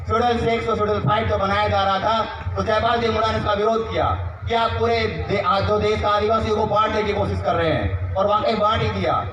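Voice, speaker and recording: A man's voice: high-pitched, fairly even intonation, brisk, few pauses, roomy sound, far from the mic, dull audio, background noise. A man giving an impassioned public speech at a convention, firing rhetorical questions at the crowd.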